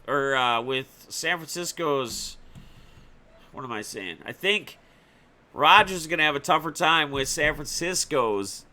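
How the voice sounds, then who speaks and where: A man's voice: mid-range voice, bright, forceful tone, clean tone. A young man hosting a casual sports talk livestream, chatting loosely about football and answering viewers in the chat by name. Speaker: livestream host.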